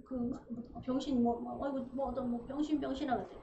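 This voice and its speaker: A woman preaching a sermon in a church, animated and acting out the voices she quotes. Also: high voice, fairly quick, creaky, crowd noise. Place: church sanctuary. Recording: roomy, slightly dull livestream with faint hiss.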